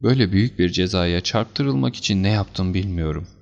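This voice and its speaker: A man's voice: deep voice, normal speed, gravelly, long reverb tail. A man voicing a distraught, emotional older banker who speaks in pleading, anguished bursts, for an audiobook. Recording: slightly dull lo-fi recording.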